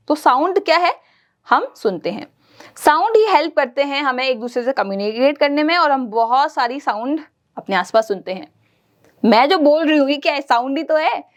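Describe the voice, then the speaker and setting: Woman teacher, high voice, lively kids' lesson, mimics everyday sounds. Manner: lively, addresses children directly, imitates everyday sounds. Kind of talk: online class lesson for children.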